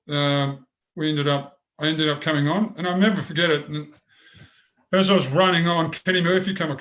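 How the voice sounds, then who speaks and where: An older man with a big, slightly high and a bit bright voice tells rambling anecdotes, full of restarts, as a guest in a storytelling interview. He's a former goalkeeper.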